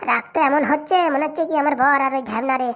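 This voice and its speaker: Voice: high-pitched, steady tone, very fast, fairly bright tone. A performer voicing a scheming, bossy middle-aged mother in a cartoon, scolding and giving orders. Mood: fretting. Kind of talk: cartoon voice acting.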